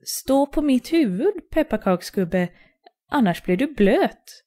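A woman's voice: high-pitched, big pitch swings, mellow, voice pushed up. A woman playing a sly coaxing fox.

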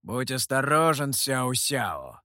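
A man's voice: medium pitch, big pitch swings, takes it slowly, sharp tone, no room sound, heavily acted. A man voicing a brash, playful male monkey demon who boasts and teases, read in a very dry, close sound. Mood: teasing. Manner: boastful and teasing.

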